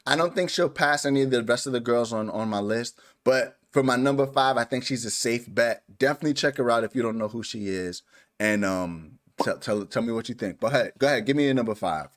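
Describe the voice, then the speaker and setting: A man's voice: mid-range voice, fairly quick. A man co-hosting a podcast in casual chat, rambling with many fillers and restarts. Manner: rambling, filler-heavy, laughs easily. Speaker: podcast co-host.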